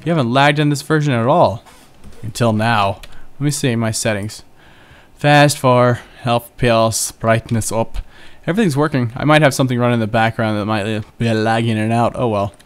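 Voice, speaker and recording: His voice is mid-range, clear and resonant, with fairly even intonation at a normal speed. The young man, a gaming channel host, gives chatty, rambling Let's Play commentary on his own gameplay, joking at his own expense.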